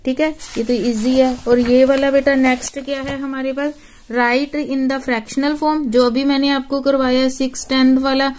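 High-voiced patient woman maths teacher. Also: little pitch movement, unhurried, a little mellow, a little hiss or hum. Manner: patient, addresses students as "beta". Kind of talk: classroom lesson.

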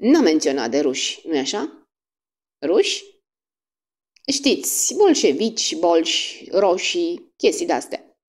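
A nervous, hesitant grey-haired husband, voiced by a woman narrator who fumbles through his words. The voice is low and mellow, with wide swings in pitch. It is read as an audiobook character. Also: very animated, breathy edge. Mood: fumbling.

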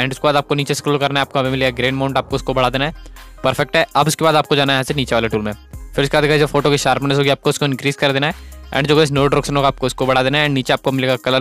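A man talks quickly through a phone photo editing tutorial, one step after another, checking in with his viewers every few seconds. His pitch sits in a middle range. Faint music plays under his voice. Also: fairly bright tone, clear, resonant tone. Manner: instructive, repeats "guys" and "okay". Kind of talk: screen-recorded editing tutorial.

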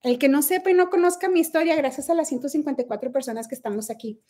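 A middle-aged woman with a Mexican accent hosts a casual livestream chat from her phone, her voice high-pitched, racing, and dark in tone. She is brash and profane, mocking her critics.

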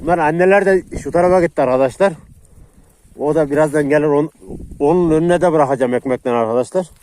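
A man's voice: fairly high pitch, quick pace. Man vlogging outdoors in snow. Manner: talks to dogs in a soothing coaxing voice; shouts excitedly while running. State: cold, hands freezing. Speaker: vlogger feeding stray dogs. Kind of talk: casual vlog talk to viewers. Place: outdoors in snowy countryside.

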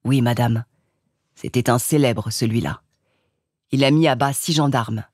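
A woman voicing a tall, stooped, consumptive Corsican man who drawls slowly in a monotone and coughs often, in an audiobook reading. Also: rumbling low, slightly rough, no echo, clean studio sound, heavily acted. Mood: resigned.

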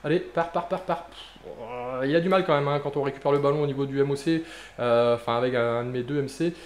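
A young man giving jokey, excitable commentary while playing a football video game. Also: medium pitch, fast, echoey room. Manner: jokey, excitable, chatty, with playful silly noises. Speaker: gaming YouTuber. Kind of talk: live gameplay commentary.

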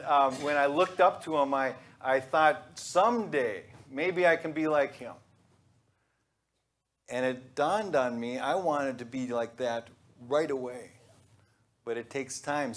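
A man's voice: medium pitch, a bit bright. A man in his thirties, a pastor giving a conversational, joking sermon in a church sanctuary. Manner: conversational and joking, with pauses and restarts.

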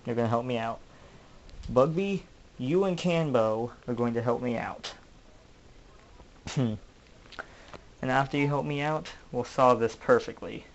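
A man's voice: mid-range voice, unhurried, long pauses, dull audio. Melodramatic man interrogating toys. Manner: melodramatic, mock-detective, exaggerated. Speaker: channel host. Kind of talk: comedic skit talking to toys.

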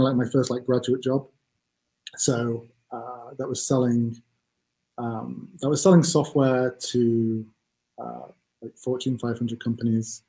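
A man's voice: medium pitch, warm tone, rough recording. A man in his forties from Manchester with a Mancunian accent, a company CEO talking in a casual, self-deprecating way with many fillers over a video call. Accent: Mancunian English. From England. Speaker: CEO guest. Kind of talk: casual interview. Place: home office room. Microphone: video call webcam.

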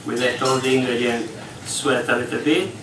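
The executive chef, a man with a mid-range voice, keeps a steady tone and normal speed as he explains a live cooking demonstration step by step, his English slightly broken. He performs for an audience in a large hall on a ship. Background noise is present, and the echoey hall is captured from far away.

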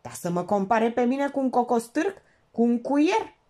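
A woman reading an audiobook, voicing an excitable, sarcastic woman sleuth who talks in quick, mocking exclamations. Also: fairly high pitch, voice pushed up.

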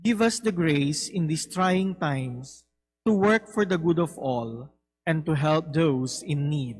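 A man leading a formal recited prayer in a solemn, deliberate manner. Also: fairly high pitch, darkish tone. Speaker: prayer leader. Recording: clear background hum and noise.

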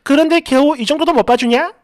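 A man's voice: extremely high pitch, fast talker, pitched above the performer's own voice. A man voicing a defensive, complaining young woman, the girlfriend in a narrated story.

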